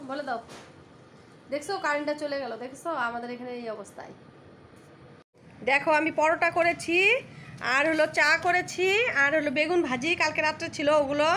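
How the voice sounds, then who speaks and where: Brief: middle-aged village woman vlogger, quick and animated, faint phone-mic ambience. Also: high-pitched, slight background noise. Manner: chatty, animated, addresses viewers as brothers and sisters. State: swollen face from toothache. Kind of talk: casual vlog chat to viewers.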